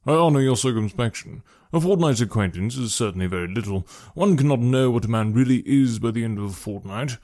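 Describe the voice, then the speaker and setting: Male reader as ironic middle-aged father in a classic novel, mid-pitched, formal, deadpan. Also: fairly quick, hardly any pauses, close to an everyday voice. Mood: wryly teasing. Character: dry, teasing middle-aged father, calmly ironic gentleman. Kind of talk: audiobook character voice.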